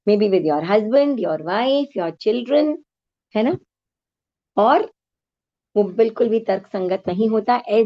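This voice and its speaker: A woman with a fairly high voice gives a calm spiritual lesson. She keeps asking her listeners short tag questions and mixes English phrases into her explanation. The recording sounds dull and lo-fi. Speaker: spiritual teacher. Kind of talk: explanatory spiritual talk with a story.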